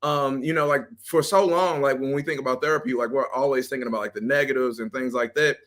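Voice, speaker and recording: A man's voice: mid-range voice, steady tone, quick pace, a bit bright. A man hosting a podcast, upbeat and casual, with many fillers and restarts. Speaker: podcast host, assistant principal.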